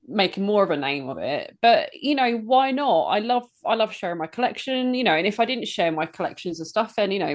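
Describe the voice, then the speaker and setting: A British woman co-hosting a metal podcast, chatting casually, laughing often and pausing to search for words. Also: medium pitch. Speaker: podcast co-host and metal blogger.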